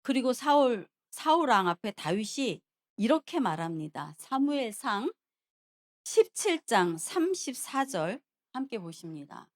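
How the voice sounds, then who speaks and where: A woman preacher with a high, very lively voice, retelling a Bible story to her church. She keeps asking her listeners questions, with big swings of pitch in each line. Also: unhurried. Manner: animated, questioning the congregation. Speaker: pastor. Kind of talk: sermon storytelling.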